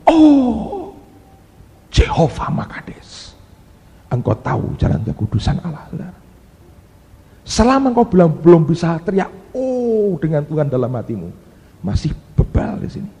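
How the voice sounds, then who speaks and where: A male preacher, his slightly high voice swinging widely in pitch and breaking into sudden exclaimed cries. His tone is dark and mellow, and it rings out with the long reverb of a large hall. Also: very animated, moderate pace, creaky. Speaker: pastor. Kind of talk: sermon.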